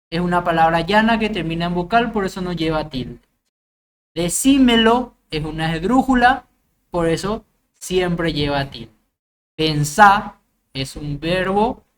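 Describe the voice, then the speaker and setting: A woman's voice: on the low side, a little hiss or hum. Methodical Paraguayan woman teaching grammar. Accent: Paraguayan Spanish. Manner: methodical, checks in with "¿bien?". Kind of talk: recorded grammar lecture.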